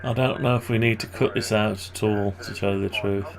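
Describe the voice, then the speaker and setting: Man, low-pitched, groggy gravelly voice with vocal fry, casual think-aloud commentary, keyboard clicks and background murmur. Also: fairly even intonation, brisk, a crowd in the background. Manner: hesitant, thinking out loud. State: groggy morning voice, clearing throat. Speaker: maker narrating a design tutorial.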